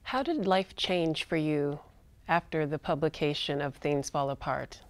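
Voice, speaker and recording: A woman's voice: low voice, measured pace. A woman asking serious questions as a television interviewer.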